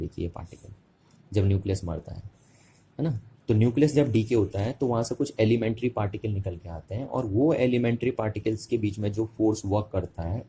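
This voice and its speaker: Man, physics teacher, dark mellow voice, faint room noise. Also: fairly low pitch. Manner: repetitive, asks questions and answers them himself; slows to dictate notes word by word. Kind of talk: classroom-style physics lecture.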